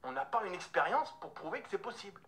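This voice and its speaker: Woman doing a lively story monologue, bright voice, goes up and down a lot. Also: medium pitch, fast, creaky, slight background noise. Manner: animated, incredulous, exclamatory. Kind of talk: theatrical monologue.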